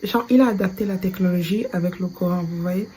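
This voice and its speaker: Cameroonian french woman chatting to her viewers, low warm voice, drops to a whisper now and then, faint hum behind. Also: a little fast, poor audio. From Africa. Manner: conversational, drops into soft whispered asides. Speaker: video creator commenting on Quran reciters. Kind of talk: casual spoken commentary.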